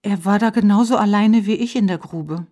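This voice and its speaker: A little boy rabbit from a storybook, high and eager, voice jumping up with excitement, as a woman reads him. Timid at heart but bursting to be heard. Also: a little fast, lightly acted. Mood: anxious. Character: small young male rabbit, eager and timid.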